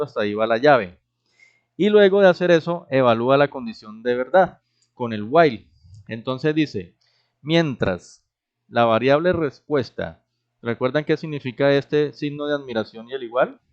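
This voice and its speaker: A man's voice: mid-range voice, clean tone. Man teaching a programming class. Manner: explains step by step, checks in with the class often. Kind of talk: classroom lecture. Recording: dull, lo-fi recorded class.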